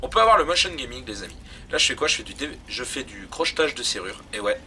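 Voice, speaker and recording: A man co-hosting a video game show, giving chatty, excitable let's play commentary while he plays. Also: medium pitch, fast. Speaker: game video co-host and player.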